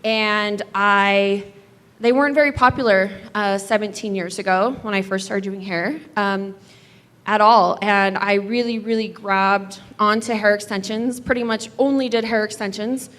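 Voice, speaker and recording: A woman's voice: mid-range voice, steady tone, measured pace, fairly bright tone. A woman hairstylist telling a personal story as a panel guest, chatty and self-deprecating, on a handheld mic at a live event. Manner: chatty, self-deprecating, laughs between phrases. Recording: reverberant hall.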